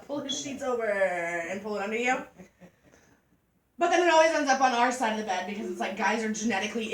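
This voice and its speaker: A woman giving a joking, animated sales demonstration to a group of women. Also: on the high side. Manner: chatty, joking, animated storytelling. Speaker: party product consultant. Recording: echoey room from far off.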